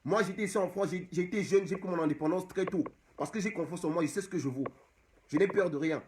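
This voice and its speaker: A man's voice: high-pitched, fast talker, a little hiss or hum. A young man from Cameroon, an activist abroad, speaking straight to the camera and exhorting his audience, repeating the same phrases again and again. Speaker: diaspora activist. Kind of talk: impassioned direct-to-camera monologue.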